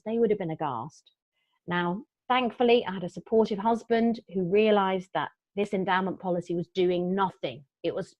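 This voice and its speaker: A woman's voice: mid-range voice, a little mellow, dry recording. A middle-aged woman presenting a property investment webinar in a chatty, upbeat way. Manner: chatty, upbeat, with frequent fillers and restarts. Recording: dull, dry lo-fi webinar audio.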